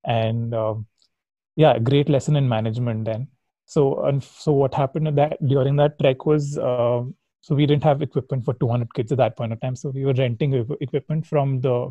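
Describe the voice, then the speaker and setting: A man's voice: mid-range voice, warm tone, no room sound, highs cut off. A man with an Indian accent talks conversationally as an interview guest, explaining and telling stories informally. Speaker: guest, trekking company founder.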